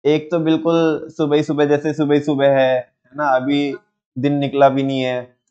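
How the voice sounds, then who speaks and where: Dull audio captures a young teacher whose slightly mellow voice is on the high side and monotone, at a normal speed. Even so, his classroom lecture is lively: he tells stories, acts out quotes, and asks his students questions.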